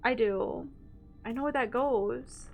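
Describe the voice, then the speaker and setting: A woman's voice: fairly high pitch, takes it slowly, faint music behind. A young woman streaming a horror game, thinking aloud in casual commentary with lots of fillers and hesitations.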